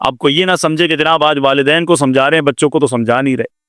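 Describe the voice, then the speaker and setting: A man's voice: on the high side, fairly even intonation, quick pace, fairly bright tone, dry recording, clean studio sound. An older man preaching a sermon with impassioned delivery, mixing English words into his talk.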